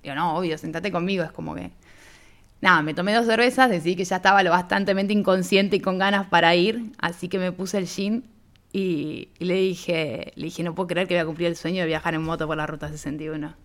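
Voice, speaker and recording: Speaking briskly in a fairly low voice, a woman from Argentina shares a travel story as a guest on a radio interview. With an Argentine Spanish accent, she keeps it casual and lively, reenacting both sides of the dialogue with "me dice."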